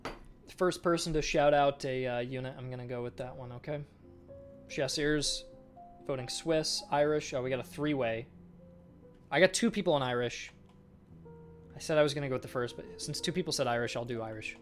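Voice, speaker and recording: A man talks through his work on a live developer stream in a relaxed, easygoing way, thinking aloud and asking viewers what to do next. His voice sits at an ordinary middle pitch, and faint music plays behind him. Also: normal speed, long pauses. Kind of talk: casual live-stream chat while working.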